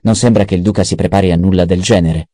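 A man's voice: deep voice, fairly even intonation, quick pace, warm tone, no echo, clean studio sound, close to an everyday voice. A man voicing a cunning, self-satisfied male adviser in an audiobook, eager and precise. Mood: scheming. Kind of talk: audiobook character voice.

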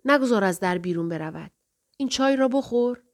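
A woman voicing a hoarse, dry-voiced mother who speaks in a hurried, urgent way. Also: fairly high pitch, expressive, pitched above the performer's own voice.

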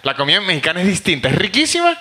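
Bright-voiced Venezuelan man telling stories. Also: high voice, very fast, slightly rough. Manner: animated storytelling, swearing freely. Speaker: comedian. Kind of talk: live comedy podcast chat. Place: theater stage before a live audience.

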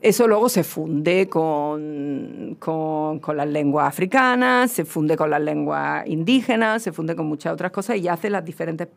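Deep-voiced with vocal fry, a woman from southern Spain talks a little slowly in her regional accent. She is a guest expert lecturing at length in casual chat, restarting frequently and leaning on fillers.

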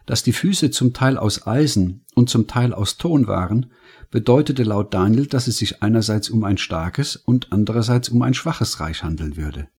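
A man narrating an audiobook in a calm, measured storytelling manner. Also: on the low side, slightly rough. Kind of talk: scripted narration.

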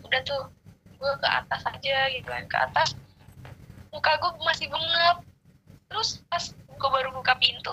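A young woman tells a story in loose, animated slang and swears as she goes. Her voice sits high and sounds bright and tense. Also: gravelly, slight background noise, poor audio. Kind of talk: casual chat.

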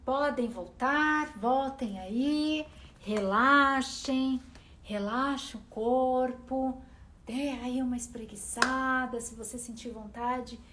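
A woman's voice: high voice, takes it slowly, a bit bright, a little hiss or hum. A woman with a Brazilian accent leading motivational guided relaxation and talk on a live stream, encouraging and repeating phrases for emphasis. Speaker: host and guided meditation leader.

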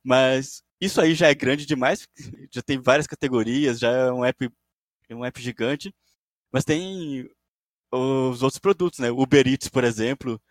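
A man's voice: medium pitch, a little slow, no room sound. A man with a Brazilian Portuguese accent co-hosting a podcast in casual conversation. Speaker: podcast co-host.

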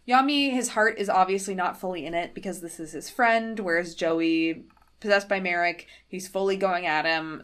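A woman's voice: lowish voice, a bit bright. A woman co-hosting a podcast, recapping episodes in casual chat and acting out quoted lines with sudden bursts. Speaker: podcast co-host.

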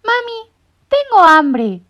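A woman voicing a tiny newborn seagull chick that talks in a squeaky, babyish, pleading way. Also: very animated, slow pace, fairly bright tone, dry recording, exaggerated voice. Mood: sleepy, clingy. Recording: muffled lo-fi recording.

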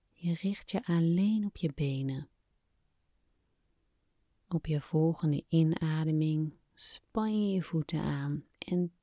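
A woman guiding a relaxation exercise in a soft, breathy, soothing near-whisper, like a spa meditation. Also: lowish voice, dry recording, studio quality. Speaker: podcast host, relaxation guide.

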